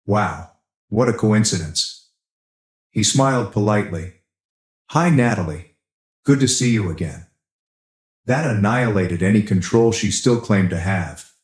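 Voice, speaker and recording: Low-voiced man narrating calmly, roomy echo. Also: a little slow, long pauses. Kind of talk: scripted story narration for sleep.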